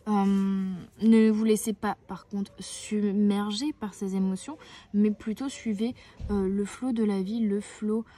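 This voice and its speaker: A woman giving weekly oracle card guidance outdoors, gentle and reassuring, often pausing to search for her words. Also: medium pitch, steady tone. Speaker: tarot and oracle card reader. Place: outdoors, near a tree.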